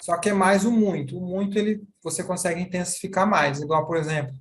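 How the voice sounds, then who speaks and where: A man with a Brazilian Portuguese accent teaching a sign language class, explaining deliberately with repeated examples. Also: high-pitched, fairly even intonation, a little hiss or hum.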